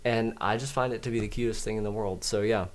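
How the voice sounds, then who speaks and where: A man on a farm chatting casually and talking baby talk to his cat in a soft, doting way. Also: fairly low pitch, fairly even intonation, fast talker, poor audio. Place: outdoors on a farm.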